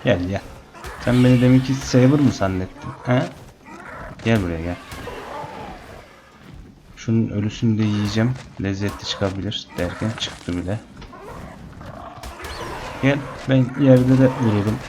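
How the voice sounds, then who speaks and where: A man's voice: fairly low pitch, unhurried, long pauses, noisy background. A man commenting on his gameplay and playfully taunting the animals in the game. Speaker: gaming channel host. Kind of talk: Let's Play commentary.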